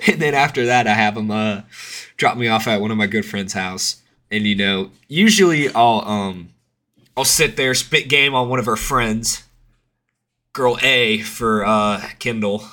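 Bright, forceful young frat-bro guy. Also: lowish voice. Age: young adult. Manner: frat-bro slangy drawn-out party talk, swearing. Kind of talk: casual chat, storytelling. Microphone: headset.

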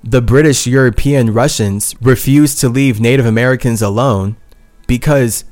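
A man's voice: medium pitch, moderate pace, darkish tone, faint music behind. Intense, earnest man hosting a podcast. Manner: earnest and intense, swings between heated and tender, repeats phrases. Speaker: podcast host. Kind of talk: solo podcast monologue.

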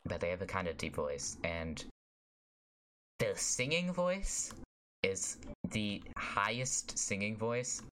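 Teen male co-host, very low pitch, slight lisp, loose swearing chatter, faint background noise. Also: a little slow, hardly any pauses, pushed and bright. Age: teens. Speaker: podcast co-host. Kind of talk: casual chat.

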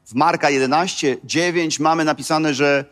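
A man's voice: on the high side, steady tone, normal speed, fairly bright tone. A man interpreting a sermon live, matching the preacher's emphasis and sometimes stumbling over words.

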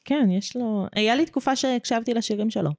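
A woman's voice: fairly high pitch, darkish tone, no room sound, studio quality. A woman with an Israeli accent co-hosting a podcast in casual chat, making brief, simple remarks. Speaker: podcast co-host.

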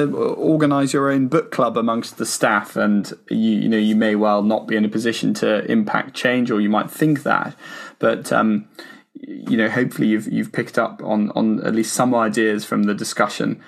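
Low, gravelly-voiced male podcast host. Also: little pitch movement, normal speed. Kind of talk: conversational podcast hosting.

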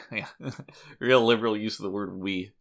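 A man co-hosting a podcast, trading deadpan, mock-serious jokes in casual chat. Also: fairly low pitch, normal speed, creaky. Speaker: podcast co-host.

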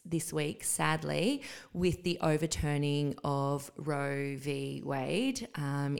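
A woman's voice: low voice, gravelly, clear, resonant tone. Chatty woman podcast co-host. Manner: chatty, laughs easily, thinks aloud with ums. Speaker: podcast co-host, Pilates teacher trainer. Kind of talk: casual podcast chat.

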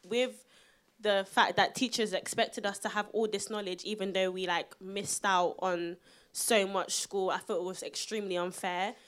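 A woman's voice: mid-range voice, steady tone, moderate pace, fairly bright tone. South london girl, 17, chatting casual on a live podcast, lots of slang and "like". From South London, England. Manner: informal, slangy, frequent "like". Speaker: youth podcast co-host. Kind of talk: casual live panel chat.

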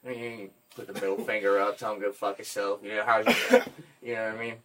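A man hosting a podcast, telling stories in a casual, profane, animated way. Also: on the low side, quick pace, distant mic. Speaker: podcast host.

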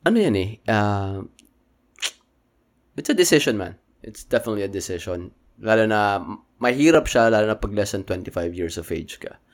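A man's voice: lowish voice, animated, moderate pace. A man co-hosting a casual podcast, joking and explaining things in slangy mixed Tagalog and English. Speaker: podcast co-host. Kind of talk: casual chat.

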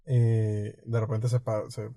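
A man's voice: on the low side, level tone, takes it slowly, warm tone. A man with a Mexican accent, co-hosting a podcast and telling personal stories in a rambling, slang-heavy, casual way. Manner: rambling, slangy, fills nearly every phrase with "güey". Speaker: podcast co-host. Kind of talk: casual storytelling chat.

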